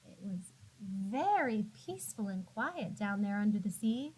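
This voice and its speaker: A woman narrating a children's storybook as a teacher would, expressively, with drawn-out words and dramatic emphasis for young listeners. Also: medium pitch, very animated, a little mellow, slightly rough, low-quality recording. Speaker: classroom teacher reading aloud.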